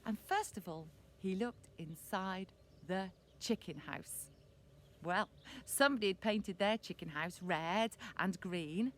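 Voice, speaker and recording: A woman telling a children's story, lively and asking the little ones questions. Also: medium pitch, slow pace.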